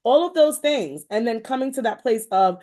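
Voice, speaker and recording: Sharing faith-based encouragement in a conversational style, this podcast host speaks emphatically and keeps returning to certain phrases. Her fairly high voice has a dark tone, and she speaks expressively at a normal speed.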